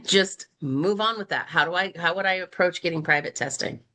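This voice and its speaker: A woman attending a parenting workshop, asking a question in a hesitant way with pauses and fillers. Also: lowish voice, bright, forceful tone.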